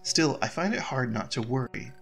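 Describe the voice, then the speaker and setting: A man's voice: mid-range voice, expressive, moderate pace, gravelly, fairly bright tone, faint music behind. A man voicing a nervous young princess in a game, who frets aloud and keeps repeating reassurances to herself. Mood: composed. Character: nervous young princess, anxious heir to throne. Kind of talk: reading game dialogue aloud.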